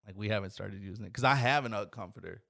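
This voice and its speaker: A man's voice: lowish voice, fast talker, gravelly, pushed and bright, no echo, studio quality. A man, co-hosting a podcast in a laid-back, swearing casual chat. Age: 20s. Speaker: podcast co-host.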